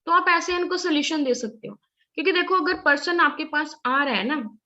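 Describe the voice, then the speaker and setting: A woman giving a network marketing training session, mixing in words and often checking with listeners whether things are clear. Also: high-pitched, expressive, fairly quick, sharp tone. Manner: instructive, often checks "ठीक है?" and "clear है?". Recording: slightly dull lo-fi audio.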